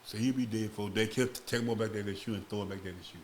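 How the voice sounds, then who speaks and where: A man, a podcast guest telling a long, rambling story in a slow, casual way. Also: lowish voice, steady tone. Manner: slow, rambling, acts out voices in his stories.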